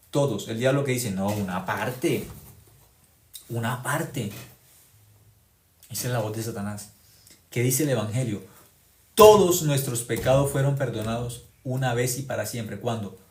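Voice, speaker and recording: A male preacher delivers a sermon with strong emphasis, repeating key phrases. He moves between loud exclamations and quiet, low remarks. His voice sits at a medium pitch and rings in a roomy, echoing space. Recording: echoey room.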